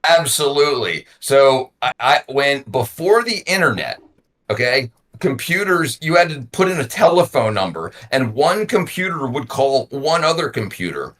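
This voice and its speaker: A man's voice: mid-range voice, big pitch swings, moderate pace, a bit bright. A man in his forties, a YouTuber guest in a casual talk, who rambles and repeats words as he thinks. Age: 40s. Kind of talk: casual conversation.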